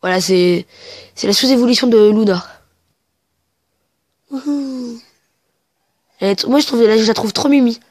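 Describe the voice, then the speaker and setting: A woman's voice: fairly high pitch, a little slow, pauses often, darkish tone, no room sound. A woman chatting casually through a let's play, hesitant and stumbling, reading game dialogue aloud while sniffly with a cold. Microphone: headset mic.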